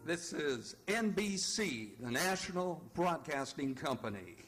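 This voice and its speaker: An American man as an old-time radio announcer, polished and formal. His slightly high voice moves in lively swoops over loud music. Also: a little slow. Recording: broadcast with loud music behind.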